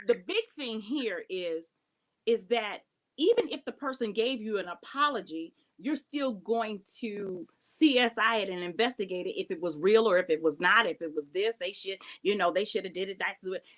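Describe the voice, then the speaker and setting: Female guest teacher, measured delivery, repeats key points. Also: medium pitch, expressive, a bit bright. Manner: deliberate, stresses key points by repeating them. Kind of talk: teaching talk.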